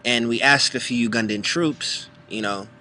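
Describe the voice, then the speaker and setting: A man's voice: mid-range voice, moderate pace, sharp tone, a little hiss or hum. An American man giving concerned personal commentary and repeating himself as he talks. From United States. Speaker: vlogger.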